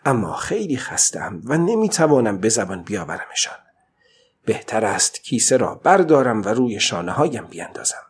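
A husky, worn-out old fisherman, read by a man, muttering to himself in a tired voice and then hardening into stubborn defiance. He lifts his pitch a little for this storybook figure, who stays alone and determined out at sea. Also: sing-song, heavily acted. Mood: weary. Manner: talks to himself, swinging from weary murmur to defiant outburst. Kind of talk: audiobook reading.

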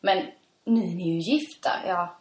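A woman's voice: fairly low pitch, animated, a loud crowd. Chatty woman wedding coordinator, echoey room. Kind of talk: casual chat.

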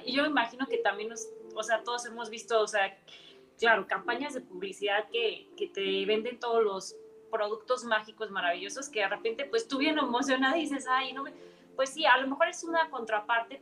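A woman's voice: fairly high pitch, low-quality recording. A woman in casual conversation, reflective and thinking aloud as she talks. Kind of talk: casual chat.

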